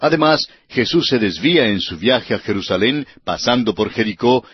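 A man's voice: mid-range voice, expressive, normal speed, slightly rough, no room sound, dull audio. A man giving a radio Bible study sermon who reads scripture and speaks earnestly and directly to the listener.

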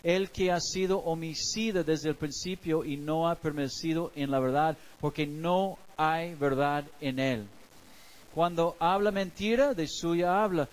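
A man's voice: a little high, rough recording. A man preaching as a pastor, explaining scripture in a conversational way with everyday street examples. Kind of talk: sermon.

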